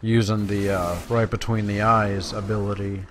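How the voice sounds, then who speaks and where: A man with a lowish voice and flat delivery offers folksy, conversational commentary on his gameplay at a moderate pace, talking directly to his viewers. He's a let's play host, and video game sounds and other background noise can be heard.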